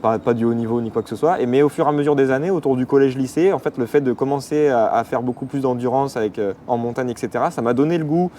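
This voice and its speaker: A man's voice: mid-range voice, quick pace, hardly any pauses, mellow, a little hiss or hum. A man in his twenties from the Paris region, a runner speaking as guest in a casual interview, hesitant with many fillers. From Paris region, France. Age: 20s. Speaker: athlete guest.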